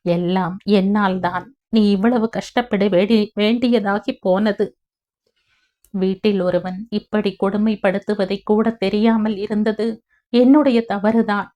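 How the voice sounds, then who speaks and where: Older mother figure, tearful and pleading, read by a woman narrator, lifted pitch, slightly muffled audio. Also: steady tone, a little slow, close to an everyday voice. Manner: tearful, pleading, breathless rush of words. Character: ailing elderly mother-in-law, pleading and tearful.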